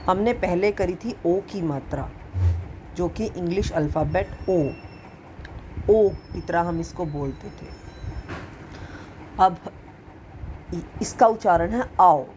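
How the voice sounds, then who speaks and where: Woman teacher, low voice, slow deliberate delivery, faint background noise. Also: mellow, low-quality recording. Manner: drawn-out sounding of vowels, emphatic on examples. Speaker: Hindi teacher. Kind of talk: slow classroom lesson.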